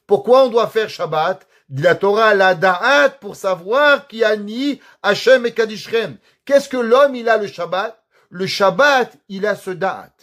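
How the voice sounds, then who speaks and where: High-voiced rabbi teaching a Torah lesson. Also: male voice, a bit bright. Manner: asks questions and answers them himself; mixes Hebrew quotes into his explanation.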